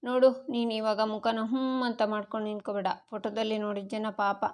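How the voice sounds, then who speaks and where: A woman voicing a rough-spoken village older brother in rustic dialect, tearful at first and then joking. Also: a little high, flat delivery, brisk, lightly acted. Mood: teasing.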